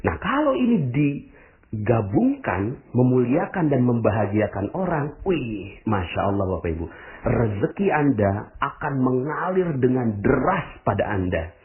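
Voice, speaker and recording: A man's voice: mid-range voice, big pitch swings, unhurried. A man giving a motivational religious talk to an audience, full of rhetorical questions and direct address. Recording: tinny phone-like sound.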